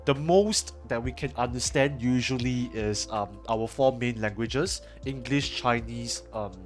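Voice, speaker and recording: A young Singaporean-accented man with a mid-range voice talks a little slowly into his headset, rambling to stream viewers with plenty of fillers and restarts. He answers their chat while editing in a room at home, with soft music playing in the background.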